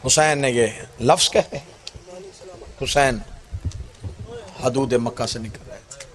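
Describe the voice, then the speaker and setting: A man's voice: medium pitch, slow pace. A male Islamic scholar delivering a mourning sermon in an impassioned, mournful declamation with wailing cries. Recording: crowd audible behind speaker. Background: gathered congregation.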